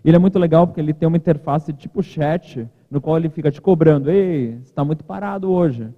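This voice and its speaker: A man's voice: a little high, fast. A man giving a casual, joking keynote at a podium in a large conference hall. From Brazil. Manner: chatty, informal, joking asides. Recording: reverberant hall, thin lo-fi sound.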